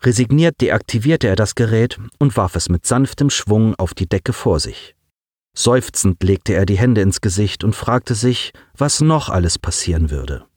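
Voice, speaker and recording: A man reading a story aloud as an audiobook narrator with an expressive delivery. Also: lowish voice, measured pace, no room sound, clean studio sound.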